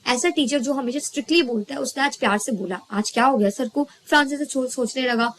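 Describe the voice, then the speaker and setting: Chatty woman teacher with a high voice. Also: a little fast, low-quality recording. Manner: chatty, asks questions and answers them herself. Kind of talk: casual lesson retelling a story.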